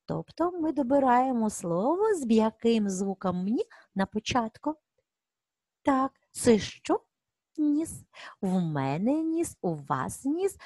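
A woman's voice: medium pitch, darkish tone, husky, no room sound, studio quality. A middle-aged woman teaching an early-reading lesson to young children, coaxing them along and stretching out words so they can hear the sounds. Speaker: preschool teacher.

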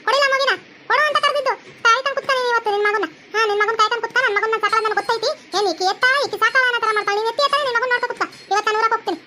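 A fierce young daughter-in-law in a cartoon, as a woman puts her on hurls insults in a North Karnataka Kannada accent. The voice is piercingly high and bright, and it races at top speed. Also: a little hiss or hum. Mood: defiant. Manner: defiant, insulting, rapid. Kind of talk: cartoon voice acting.

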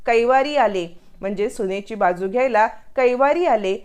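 A woman reading out the lines of a bossy, sharp-tongued mother-in-law who scolds in rustic speech. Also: a little high, moderate pace, smooth, natural voice. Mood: scolding.

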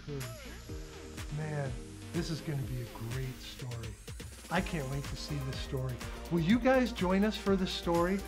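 A man's voice: fairly high pitch, lively intonation, moderate pace, music in the background. A man hosting a kids' Bible lesson with enthusiasm. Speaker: children's church host.

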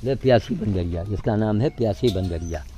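A man's voice: on the low side, a little fast, warm tone. Older man coaxing animals outdoors. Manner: coaxing, talks to the animals, gives chores between remarks. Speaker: man feeding monkeys and directing a helper. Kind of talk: casual outdoor narration.

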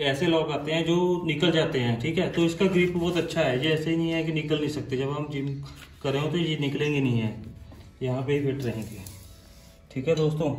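A man giving a casual product review, chatty and loose, often tagging his sentences with a quick "okay". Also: fairly high pitch. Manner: chatty, repeats "ठीक है" often. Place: room with tiled floor, indoors. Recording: echoey room, a bit far from mic.

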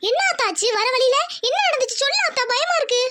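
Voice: extremely high pitch, quick pace, background noise. A performer voicing an anxious young village woman who pleads with her weeping mother in a cartoon. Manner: pleading, frightened questions. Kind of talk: cartoon voice acting.

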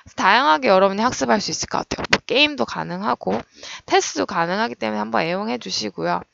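A woman English teacher giving an online lecture, explaining word meanings and stress and modeling pronunciation slowly. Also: medium pitch, animated, vocal fry, lo-fi sound, background noise.

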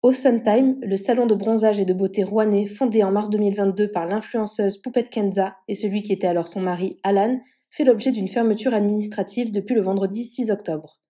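A woman narrating a celebrity news story as scripted voice-over, reading an article in an even manner. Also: mid-range voice, a little fast, hardly any pauses.

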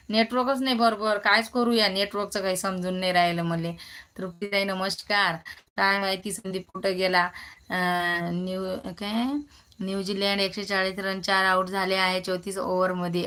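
A woman's voice: medium pitch, a bit bright. A woman, hosting a casual phone live stream, chatting and greeting viewers by name as she reads their comments.

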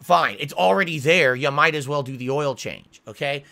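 Speaking at a moderate pace in a fairly high, gravelly, bright and forceful voice, a middle-aged American man streams a casual monologue, aggrieved and emphatic, with frequent check-in tags for viewers. The setup is a close desk mic with a pop filter in a small indoor room with acoustic foam.

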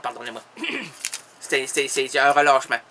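A man's voice: mid-range voice, steady tone, normal speed, sharp tone, slight background noise. A man with a Québécois accent improvising an absurd monologue, rambling through puns and repeated words. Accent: Québécois French.

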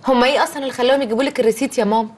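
An actress playing a young Egyptian wife who talks in a chatty, coaxing way. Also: female voice, high-pitched, fairly even intonation, racing, a little mellow, a little hiss or hum, lightly acted. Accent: Egyptian Arabic.

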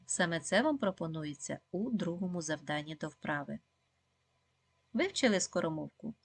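A woman teaching a video lesson for second graders, speaking slowly and clearly, praising the pupils often and asking them questions. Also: lowish voice, expressive, no echo. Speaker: primary school teacher.

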